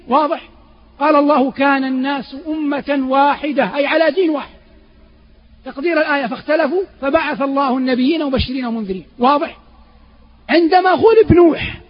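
A man's voice: very high-pitched, lo-fi sound. A male preacher teaching Quran commentary. He asks his listeners questions and answers them himself, and he chants the verses as he quotes them. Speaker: Islamic preacher.

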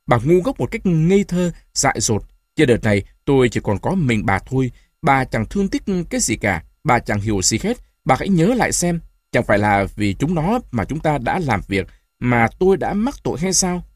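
A hoarse, hot-tempered old grandfather, put on by a male audiobook narrator, shouting in sudden bursts of rage and then turning bitter and tearful. His voice swings widely in pitch and rises sharply when he yells. The storybook recording is close and dry. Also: sing-song, normal speed, no room sound. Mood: sobbing.

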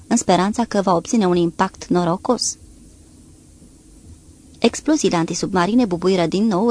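A woman narrating an audiobook in a steady, even-paced reading voice, lifting her voice a little for shouted dialogue. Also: lowish voice.

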